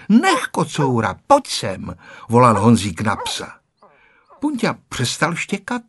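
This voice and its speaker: A man narrating a children's story in an expressive storytelling manner. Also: medium pitch, husky, dry recording, studio quality. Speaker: audiobook narrator.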